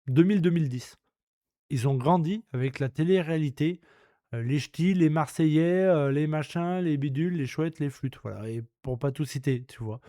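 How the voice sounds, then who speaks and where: A man's voice: a little high, normal speed, warm tone, no echo, clean studio sound. A man around thirty from France, hosting a casual talk stream and ranting indignantly in crude slang with lots of repetition. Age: about 30.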